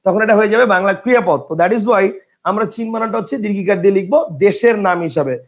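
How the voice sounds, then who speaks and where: Reading student questions from the chat, a man with a colloquial Bangladeshi Bengali accent leads an online exam-prep grammar lesson at a quick pace in a high-sitting voice. His style is chatty and repetitive, drilling the rules and checking whether the students understand.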